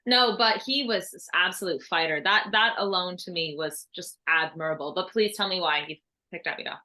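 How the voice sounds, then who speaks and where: Bright, lively young woman co-host. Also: on the low side, moderate pace. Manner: lively, laughs often. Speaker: podcast co-host. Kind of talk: casual football debate.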